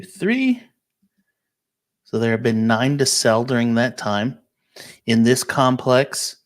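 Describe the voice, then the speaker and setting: Man, real estate agent, live stream, casual explanatory talk, mid pitch, filler "um"s. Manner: casual, explanatory, many "um" and "okay?" check-ins. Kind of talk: live-stream walkthrough of listings, answering viewer questions.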